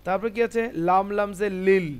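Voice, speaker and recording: A man with a high, clear, ringing voice gives a Quran reading lesson in a Bengali accent. He spells out letters and vowel marks one by one at a patient pace, then pulls them together into the full word. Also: steady tone, brisk. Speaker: Quran recitation teacher. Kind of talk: tajweed lesson.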